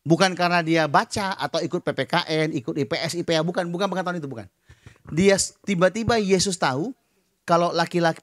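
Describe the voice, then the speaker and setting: A middle-aged man with a fairly high voice preaches at a church service. He keeps it lively and joking, slipping English words into his sermon and acting out little scenes in different voices. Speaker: pastor.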